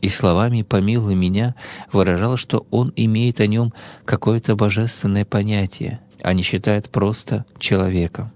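A man solemnly reading the Gospel and its commentary in a measured, intoning way. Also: lowish voice, steady tone, darkish tone, dry recording. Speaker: Orthodox reader of scripture and commentary.

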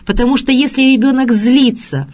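A woman's voice: high voice, moderate pace, a little mellow. A woman speaking to radio listeners as an expert, earnest and lecturing, asking many rhetorical questions. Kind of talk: radio talk on child psychology.

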